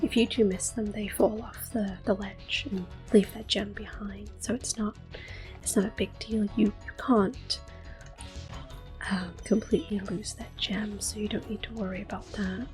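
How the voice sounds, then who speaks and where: A young woman hosts ASMR gaming content, calmly and softly commenting on the game she plays and often drifting into close whispers with gentle fillers. Her voice is mid-range at a normal speed, with faint video game music in the background.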